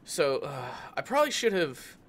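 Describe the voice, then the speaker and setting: A let's play gamer with a slightly high voice gives casual commentary at a moderate pace, very animated. Every time he gets hit, he yelps and swears. Game music plays behind his voice.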